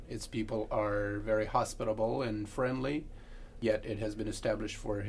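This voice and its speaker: Earnest Afghan man with a gravelly voice. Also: medium pitch, a little hiss or hum. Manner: earnest, measured, with pauses and restarts. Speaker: guest. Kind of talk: podcast interview answers.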